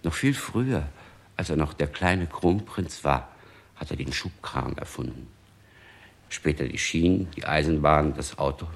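A man's voice: rumbling low, lively intonation, unhurried, creaky, heavily acted. An actor playing a royal retainer in a 1960s radio play, solemnly proclaiming the old king's deeds one after another. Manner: proclaiming, listing deeds reverently.

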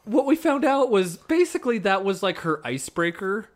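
A man's voice: high-pitched, moderate pace. A man co-hosting a podcast, telling stories in casual chat and slipping into silly voices. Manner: animated storytelling, slips into silly voices. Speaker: podcast co-host.

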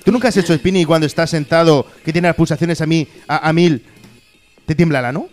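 A man hosting a casual radio chat among friends, playful and prone to loud outbursts when he acts out quotes. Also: a little high, fast talker, faint music behind. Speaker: radio show host. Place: radio studio.

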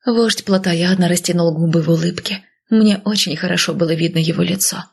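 A woman narrating a first-person fantasy audiobook in a soft, hushed, intimate reading. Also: lowish voice, fairly quick, creaky, slightly rough.

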